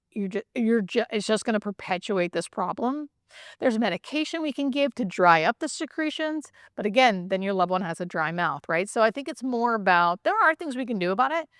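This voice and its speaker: A woman's voice: mid-range voice, dry recording. Chatty woman, dry close-sounding voice. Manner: animated, emphatic repetition, frequent check-in questions like "right?". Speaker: hospice nurse, interview guest. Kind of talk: casual conversational explaining and storytelling.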